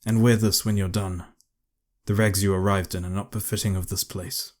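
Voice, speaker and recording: Casting: man voicing a cold middle-aged housekeeper, dry, commanding, low-voiced. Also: flat delivery, normal speed, a little mellow, close to an everyday voice. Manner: dry, muttering.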